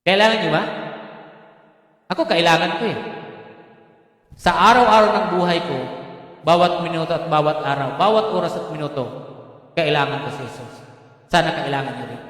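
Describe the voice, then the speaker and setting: High, bright Filipino pastor preaching. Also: male voice. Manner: animated, calls out to the congregation. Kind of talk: live sermon. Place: church hall. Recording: booming echo of a large hall.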